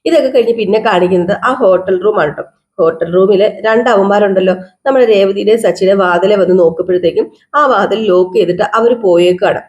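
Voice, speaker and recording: A woman casually recapping a TV serial episode, chatty, with asides and quick self-corrections. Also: mid-range voice, darkish tone.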